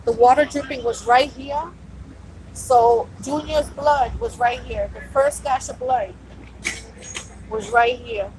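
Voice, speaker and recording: A woman's voice: fairly high pitch, steady tone, slow pace, darkish tone, a little hiss or hum, rough recording. A woman vlogging outdoors on a city street, speaking earnestly and pleading, repeating herself for emphasis. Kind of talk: on-location vlog address.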